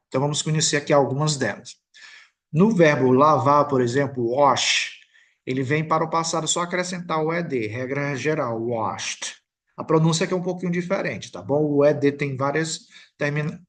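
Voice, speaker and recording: A man with a Brazilian Portuguese accent, teaching a recorded English lesson over slides. He explains slowly and patiently and keeps checking in with the listener. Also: a little high, a bit bright. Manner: slow, patient explaining with frequent "tá bom?" check-ins.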